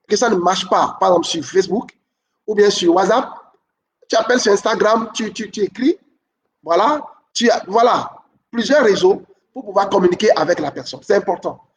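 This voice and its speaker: A man giving relationship advice to camera, repeating his key points and often checking in with a quick "ok?". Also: high voice, far from the mic.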